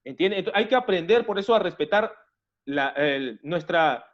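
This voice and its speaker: A man from Peru teaches an online class, repeating himself, restarting often, and frequently calling his students "jóvenes," or young people. His voice sits high and is expressive, at a moderate pace, with dull audio.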